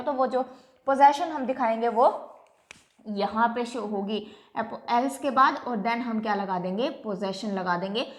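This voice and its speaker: High-voiced woman teaching grammar. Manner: repeats each point and checks if it is clear; draws out example words slowly. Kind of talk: classroom lecture. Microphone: writing on a board.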